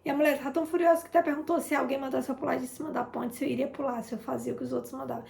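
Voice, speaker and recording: A woman shares an informal testimony of faith, speaking in a fairly high voice with a gravelly, fry-touched edge. She keeps talking straight to her listeners, and the sound carries a roomy echo. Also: fairly even intonation, rapid-fire, darkish tone. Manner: chatty, keeps addressing listeners, re-enacts conversations. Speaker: intercessor sharing a testimony. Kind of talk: informal testimony in a prayer broadcast.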